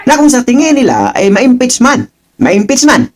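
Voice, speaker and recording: A man's voice: extremely high pitch, wildly swooping pitch, moderate pace, background noise. A man giving mocking reaction commentary as a political vlogger, laughing often and taunting with rhetorical questions. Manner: taunting, laughing, keeps asking "ha?".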